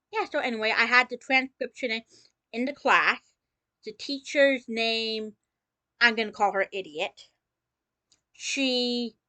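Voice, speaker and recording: A woman's voice: fairly high pitch, bright, forceful tone, no echo. A woman telling a personal story in a casual vlog, opening with a theatrical greeting and dropping sarcastic asides.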